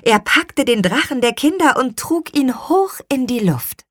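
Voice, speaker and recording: A woman reading a children's audiobook in an expressive, unhurried way. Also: high-pitched, dry recording, clean studio sound. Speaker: audiobook reader. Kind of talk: scripted children's story narration.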